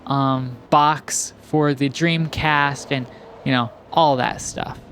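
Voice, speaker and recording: A young man giving relaxed, rambling commentary over gameplay, full of fillers and restarts. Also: medium pitch, vocal fry, slight background noise. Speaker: gaming commentator. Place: home, recorded in post.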